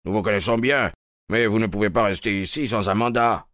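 A man voicing a respectful, measured police sergeant in an audio drama. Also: on the low side, fairly bright tone, no room sound, clean studio sound, lightly acted. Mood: deferential. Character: polite, deferential male police sergeant.

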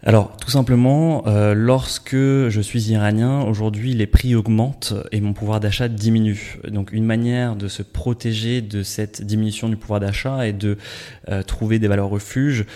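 A Frenchman with a lowish, dark, mellow voice explains things in an interview. He hesitates often and fills his pauses with ums. His answers run long and unhurried. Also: fairly even intonation. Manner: hesitant, many "euh" fillers.

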